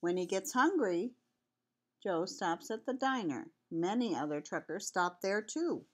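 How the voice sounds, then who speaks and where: A woman's voice: medium pitch, lively intonation, measured pace. An older woman, a sweet grandmother with a cold, reading a children's picture book aloud in a homely, chatty way. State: has a cold with cough.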